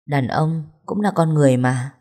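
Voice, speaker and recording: A woman reading the lines of a despairing young man who calls his friend, in a low, mellow voice. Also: moderate pace. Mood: gloomy.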